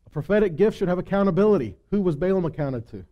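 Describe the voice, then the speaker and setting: In an emphatic sermon, a man teaches scripture to his congregation, frequently asking rhetorical questions and slipping into quieter asides. His voice sits high and is expressive and fast, though the audio sounds dull.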